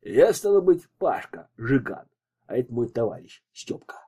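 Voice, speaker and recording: A brash young street thug sneers and swaggers with every word, as a narrator puts him on. The voice is husky and dark. It is a storybook reading. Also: male voice, medium pitch, sing-song, normal speed. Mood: cocky. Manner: cocky, sneering.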